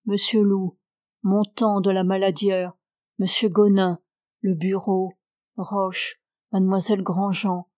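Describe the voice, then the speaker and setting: A woman's voice: medium pitch, mellow, no echo, studio quality. Woman reading a novel aloud. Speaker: audiobook reader.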